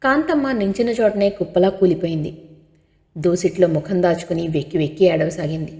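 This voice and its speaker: Lady reading an audiobook, low-ish mellow voice, big hall echo. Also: a little fast. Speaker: audiobook narrator. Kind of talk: reading a novel aloud. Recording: long hall reverb.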